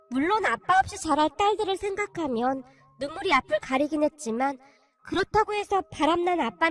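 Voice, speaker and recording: A woman's voice: very high-pitched, a bit bright. A woman reading a first-person life story in an emotional, confiding scripted narration.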